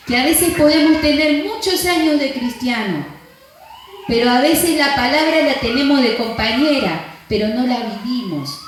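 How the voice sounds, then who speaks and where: A woman pastor with an Argentine accent preaches to her congregation in a high voice. She tells stories and acts out what others said. Her voice rings through a very echoey church room. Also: a little hiss or hum. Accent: Argentine Rioplatense. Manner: storytelling, acting out quotes. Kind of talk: sermon.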